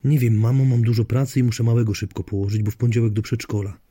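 A man's voice: medium pitch, steady tone, fast talker, dark tone, slightly rough, dry recording, clean studio sound, natural voice. A man playing a curt, busy daughter.

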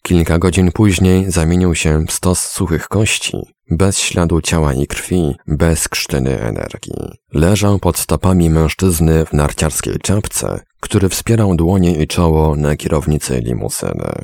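Male audiobook narrator, extremely low bass with gravel, expressive rise and fall, dry close sound. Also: no room sound. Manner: measured, dramatic storytelling. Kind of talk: scripted narration.

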